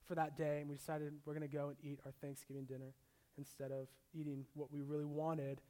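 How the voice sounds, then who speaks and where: A young man preaching a sermon as a pastor, mixing scripture with a relaxed personal story. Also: a little high, fairly quick.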